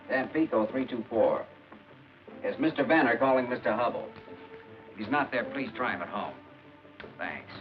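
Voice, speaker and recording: An actor playing a stubborn, guilt-ridden man in a 1950s film, talking quietly and with restraint. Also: medium pitch, lively intonation, moderate pace, long pauses, lightly acted. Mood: polite. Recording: dull old film soundtrack with music.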